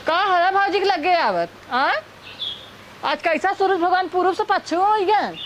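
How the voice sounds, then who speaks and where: A woman playing a sharp-tongued, unyielding village sister-in-law with an Awadhi accent, scolding scornfully in a comedy skit. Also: very high voice, animated, measured pace, slight background noise. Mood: scornful, refusing. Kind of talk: broad rural comedy skit acting.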